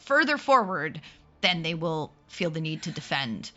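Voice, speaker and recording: Low-voiced woman game master. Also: sing-song, moderate pace, bright, forceful tone, lo-fi sound. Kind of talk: narrating a tabletop game.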